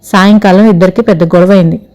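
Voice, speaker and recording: A woman's voice: fairly low pitch, steady tone, quick pace, a little mellow, lightly acted. A woman voicing a regretful young man who keeps a tea stall, talking in a plain, aggrieved way.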